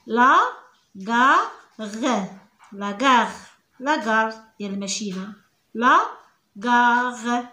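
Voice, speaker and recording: A woman teacher with a Moroccan accent, over-enunciating as she sounds out syllables slowly and deliberately in a reading lesson. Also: fairly high pitch, pushed and bright. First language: Moroccan Arabic. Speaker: teacher, channel host. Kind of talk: French reading lesson, explaining step by step. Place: indoors at a table, off camera. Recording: echoey room.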